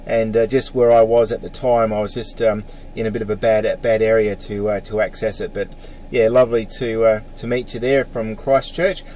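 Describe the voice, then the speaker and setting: Over a little hiss or hum, this middle-aged Australian ham operator talks at a moderate pace in a lowish, darkish voice with fairly even intonation. He's casual and matey, peppering his talk with "mate" and rattling off call signs phonetically like an old hand.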